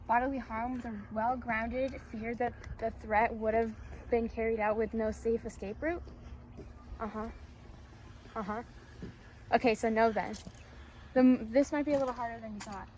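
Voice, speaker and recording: A woman's voice: on the high side, steady tone, moderate pace, darkish tone, natural voice, rough recording. A woman playing a lawyer who questions a client on the phone in a matter-of-fact way. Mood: businesslike. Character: businesslike female lawyer. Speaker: defense lawyer on a phone call. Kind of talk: amateur role-play phone scene. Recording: faint background noise.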